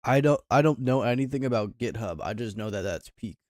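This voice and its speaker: A man's voice: medium pitch, fairly quick, a little mellow, no room sound, studio quality. A man livestreaming while coding, thinking aloud in a mumbling, trailing-off way. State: talking with his mouth full.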